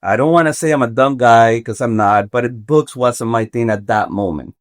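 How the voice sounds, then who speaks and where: A Venezuelan contractor in his forties speaks as a guest in a podcast studio, his medium-pitched voice captured in a dry, studio-quality recording. He thinks aloud in casual interview talk, halting and thoughtful, restarting his sentences often.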